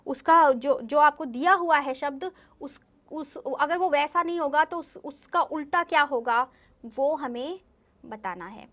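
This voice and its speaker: A young woman with a high, fairly bright voice teaches young children in an online class, speaking a little slowly. She's patient, repeats herself, and keeps asking the kids questions.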